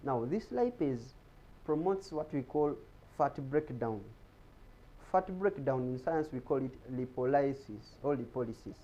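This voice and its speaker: A man's voice: a little high, expressive, a little slow, warm tone, muffled recording. A man giving an explanatory talk on health in a TV studio, often repeating words as he searches for them. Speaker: guest speaker on health.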